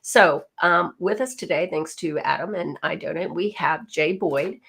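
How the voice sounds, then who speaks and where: A middle-aged woman with a light Southern accent hosts a webinar in a chatty, easygoing way, with plenty of ums. She has a cold, and her voice sits a little low for a woman. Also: a little slow, gravelly, a bit bright, slightly rough. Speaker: webinar host. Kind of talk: conversational webinar hosting.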